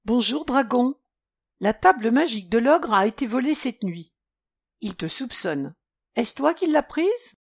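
A woman voicing a clever young male detective prince in a storybook reading, calm and inquisitive. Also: on the high side, measured pace, husky, no room sound, studio quality, voice pushed up, heavily acted.

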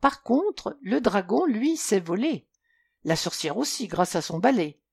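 A woman voicing a clever young male detective prince in a storybook reading, calm and inquisitive. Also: medium pitch, unhurried, breathy edge, no room sound, clean studio sound, heavily acted.

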